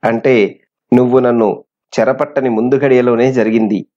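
A man's voice: mid-range voice, steady tone, moderate pace, dark tone, natural voice. A man voicing a defiant young captive princess who speaks with scorn, on a dull lo-fi recording.

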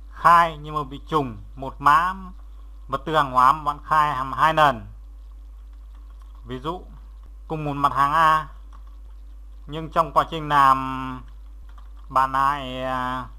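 This tutorial is narrated by a male instructor whose pitch is fairly high. He explains the software one step at a time, haltingly, and circles back to repeat steps.

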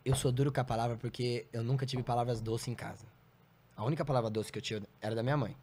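A man's voice: medium pitch, steady tone, fast talker, a little mellow, slight background noise. A man telling blunt, profanity-filled stories in a casual podcast chat. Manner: blunt, profane, heated storytelling. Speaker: comedian guest.

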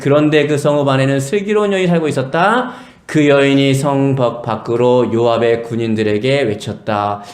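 A male pastor tells a Bible story from the pulpit and slips into the voices of the people in it. His voice sits a little high and swoops up and down with lively energy. The sound carries through the echoey hall of a church. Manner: storytelling, acting out voices of biblical figures. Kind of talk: sermon. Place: church sanctuary.

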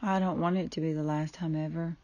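A woman's voice: deep voice, steady tone, brisk, darkish tone, dry recording. A woman on a phone call played back through a speaker and re-recorded, pressing the same question again and again. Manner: pleading, insistent, repeating questions. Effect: phone call replayed through a speaker. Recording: muffled re-recorded phone audio.

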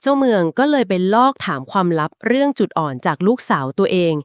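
A podcast co-host tells an old folk legend conversationally, explaining every turn at length in a mid-range, sing-song voice. She softens her lines with polite particles and little filler pauses. The sound is dry and close with no room around it.

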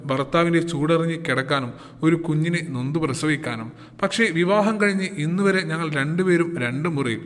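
A man's voice: on the high side, a bit bright, long reverb tail, lightly acted. A man voicing a lonely young wife who pours out an earnest, pleading confession of her longing.

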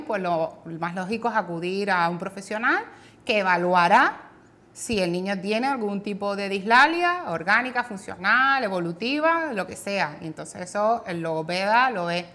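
Her voice is mid-range, bright and forceful, carrying a Canary Islands Spanish accent. As a speech therapist on a talk show, she lays out disorders in a patient, clear manner and at times imitates children's mispronunciations.

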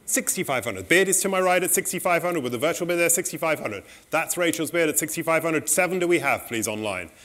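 Brisk male auctioneer calling bids. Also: a little high, lively intonation, fairly bright tone. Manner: brisk, polite, repetitive bid calling. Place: auction saleroom, indoors.

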